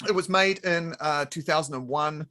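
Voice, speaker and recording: A man with a notably high voice, chatting on a comedy panel. He rambles eagerly with plenty of ums and asides, loose and playful. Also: moderate pace, pushed and bright. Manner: rambling, enthusiastic, lots of fillers. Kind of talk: casual comedic banter.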